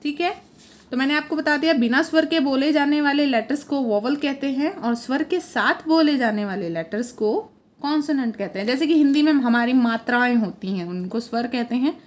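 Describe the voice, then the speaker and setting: A woman's voice: high-pitched, normal speed. A woman teaching a phonics lesson for children, patiently sounding letters out one by one and correcting her own slips as she goes.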